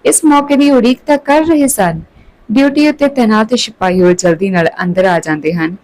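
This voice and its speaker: Woman storyteller, Punjabi accent, calm narration, raised voices for dialogue. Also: fairly high pitch, moderate pace, poor audio. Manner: switches between calm narration and raised voices for quarrelling characters.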